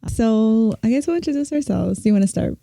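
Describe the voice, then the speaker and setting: A young Brooklyn woman co-hosts a podcast, chatting casually in a fairly high, animated, brisk voice that is creaky yet mellow. She giggles a lot and keeps trailing off into restarts. The sound is dry, with no echo.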